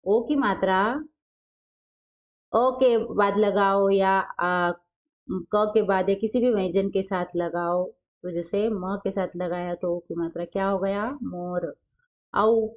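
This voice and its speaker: Stretching out example words slowly, a teacher takes young children through grammar, asking questions she then answers on her own. She has a mid-range voice, and the recording has its highs cut off.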